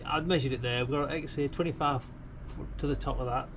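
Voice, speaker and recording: A middle-aged man with a medium-pitched, fairly even voice talks at a quick pace while filming a DIY video outdoors by a brick house wall. An amateur radio hobbyist, he rambles and thinks aloud in a colloquial, laid-back way as he demonstrates. Traffic can be heard throughout the noisy recording.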